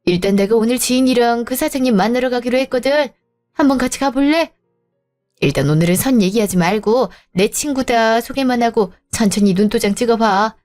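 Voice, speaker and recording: A woman's voice: on the high side, brisk, a little mellow, faint music behind, natural voice. A woman voicing a chatty helpful friend. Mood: friendly.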